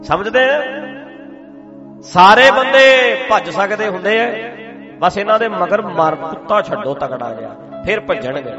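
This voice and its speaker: A man preaching a sermon, emphatic and humorous, swinging from loud declarations to soft asides. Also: high-pitched, expressive, a little slow, long pauses. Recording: muffled with music behind.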